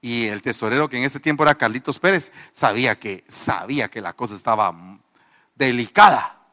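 A pastor gives a testimony sermon, narrating with animation and acting out the people in his story. His voice sits at medium pitch, moves fairly quickly, and has a sharp tone, with the sound of a large room around it.

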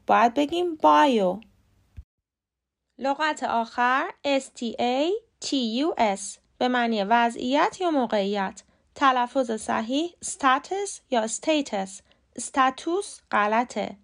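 A woman's voice: on the high side, animated. Woman teaching pronunciation. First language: Persian. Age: adult with a young son. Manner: clear, measured, spells words out letter by letter. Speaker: podcast host, English pronunciation teacher. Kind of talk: short scripted lesson.

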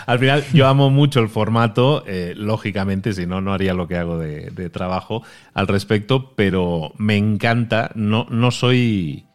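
Man, middle-aged, podcast host, low voice, animated, laughs often. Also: moderate pace. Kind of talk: casual podcast conversation.

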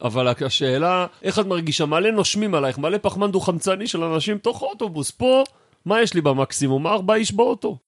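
Man playing a higher-voiced chatty taxi driver. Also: animated, no room sound, clean studio sound. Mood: griping. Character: chatty, griping male taxi driver, eager and flattering. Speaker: taxi driver character in comedic chat. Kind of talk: improvised comic character banter.

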